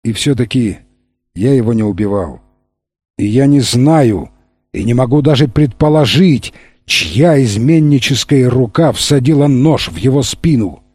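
A male reader plays a bold young man wrongly accused of murder, pleading his case in a raised, urgent voice with a husky grain. The recording is dry and close, like a storybook read aloud. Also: mid-range voice, expressive, a little slow, darkish tone, no echo. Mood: earnest.

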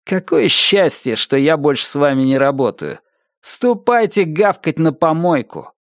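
A resentful young man, put on by a male narrator, spits out slow, clipped words through his teeth. The voice is pushed a little higher than the narrator's own. It sits close and dry, like a studio audiobook. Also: sing-song, dry recording. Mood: bitter.

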